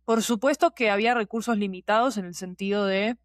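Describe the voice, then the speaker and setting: Speaking briskly at a medium pitch, the same podcast guest, a scriptwriter and producer, rambles through her answers and keeps repeating points for emphasis. The recording is clean studio audio without any echo.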